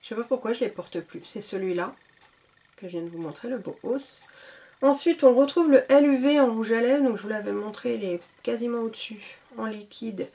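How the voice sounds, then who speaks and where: Beauty vlogger, woman, casual and enthusiastic, voice sits a bit high. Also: fairly quick, mellow. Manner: chatty, enthusiastic, many fillers. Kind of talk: casual product showcase.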